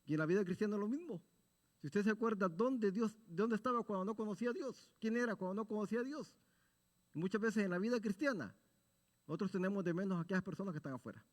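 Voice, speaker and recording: Guy preaching a bible study, fairly high voice, keeps asking the church questions then answering them, long echo tail from the hall. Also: fast. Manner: asks the listeners rhetorical questions and answers them; earnest, exhorting tone. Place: church sanctuary.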